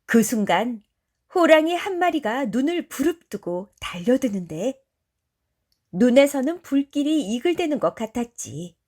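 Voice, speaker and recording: Soft slow-paced storyteller woman. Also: high-pitched, big pitch swings. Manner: gentle, soothing, conversational narration. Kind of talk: soft ASMR bedtime storytelling.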